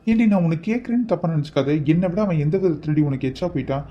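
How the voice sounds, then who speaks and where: A man's voice: fairly high pitch, animated, very fast, mellow, muffled recording. A man voicing an obsessive, lovesick young man in a cartoon, talking in an insistent, pleading way. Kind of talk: cartoon voice acting.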